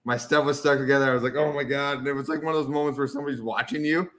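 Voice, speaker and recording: A man's voice: mid-range voice, fairly even intonation, rapid-fire, a crowd in the background. A man in casual podcast chat, telling a rambling, self-mocking hunting story with plenty of laughter.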